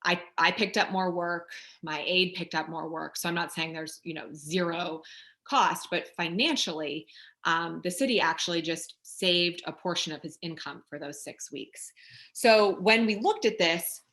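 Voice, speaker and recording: Woman presenting on a video call, low voice, chatty. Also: a little slow, a bit bright. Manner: conversational, with frequent ums and restarts. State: out of breath. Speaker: city council member presenting. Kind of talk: conference talk on video call.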